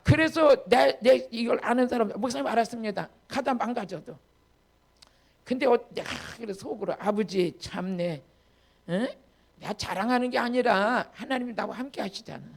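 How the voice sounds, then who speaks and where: A woman's voice: fairly high pitch, normal speed, creaky. A middle-aged woman pastor preaching a revival healing sermon in a blunt, folksy way, acting out talks with her congregants and with God.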